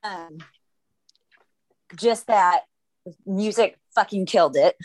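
A woman's voice: medium pitch, slow pace, darkish tone, no echo, poor audio. A woman co-hosting a podcast, chatting casually and bluntly, with the odd swear word. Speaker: podcast co-host. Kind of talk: casual chat.

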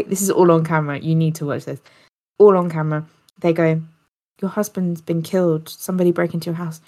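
Woman, low gravelly voice, animated storyteller for a chat podcast. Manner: animated storytelling, laughing often. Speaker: podcast co-host. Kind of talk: casual chat.

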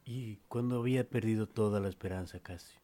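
A man's voice: lowish voice, fairly quick, dark tone. A man co-hosting a casual podcast, telling improvised stories in a playful, teasing way. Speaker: podcast co-host.

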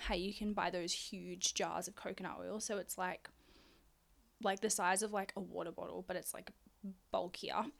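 A woman's voice: mid-range voice, vocal fry, fairly bright tone. Chatty woman podcaster. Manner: chatty, rambling with many "like"s and casual swearing. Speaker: podcast host. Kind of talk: casual solo podcast monologue.

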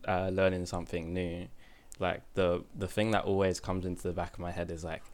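A man in his twenties hosts a podcast, rambling through casual chat full of fillers and restarts. His voice is low and darkish, level in tone and a little fast.

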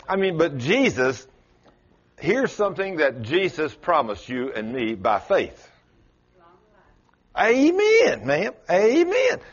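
A man in his late sixties preaching a folksy sermon, quizzing his congregation and rising to loud exclamations. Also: on the high side, wildly swooping pitch, slow pace, pauses often, highs cut off. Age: 60s. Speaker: pastor.

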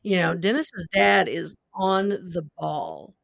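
Gravelly-voiced middle-aged woman podcaster. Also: fairly low pitch, sing-song, fairly bright tone. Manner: quick agreeing interjections, laughs easily. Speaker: podcast host. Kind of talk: casual book discussion.

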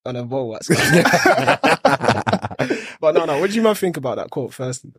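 A man's voice: medium pitch, animated, racing, darkish tone, breathy edge, no room sound, clean studio sound. A young man with a London roadman accent chats casually and emphatically, using heavy street slang and telling stories to make his points. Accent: London, urban street slang. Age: young adult. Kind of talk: casual motivational chat.

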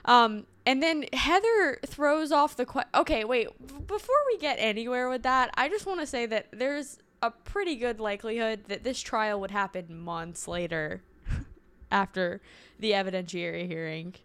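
Chatty woman with a smooth voice. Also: on the high side, fairly bright tone. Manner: rambling, self-correcting, quick asides. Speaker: podcast co-host. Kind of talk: casual recap chat.

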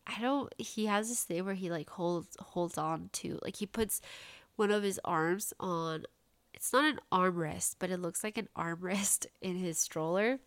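Her voice on the low side, clear, resonant, and a bit bright, a woman in her late twenties hosts a solo podcast with no echo. She chats in an unhurried, bubbly, casual way full of "like," and her nose sounds congested.

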